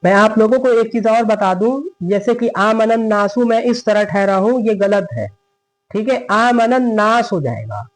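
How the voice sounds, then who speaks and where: A man teaching Quran recitation step by step, drawing out each word slowly and then explaining quickly, often correcting with "not like this". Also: sits high, expressive, darkish tone, poor audio. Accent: Hindustani.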